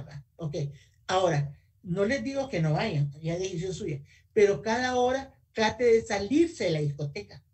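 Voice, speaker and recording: A woman gives a lively webinar talk as a guest audiology technician. She speaks straight to her listeners in a mid-range voice and asks for the next slide as she goes. The mic picks her up from a little way off. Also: mid-range voice. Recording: voice a bit far from the mic.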